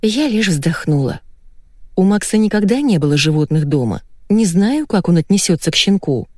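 A woman reads a first-person audiobook in a slightly low voice. Her pitch moves in lively, animated arcs. The sound is dry and close to the mic. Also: normal speed, dry recording. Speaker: audiobook narrator.

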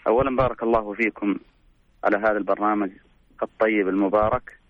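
A man's voice: lowish voice, steady tone, fast, no room sound, muffled recording. A man, a religious scholar, speaking formal standard Arabic as a radio interview guest over a remote link.

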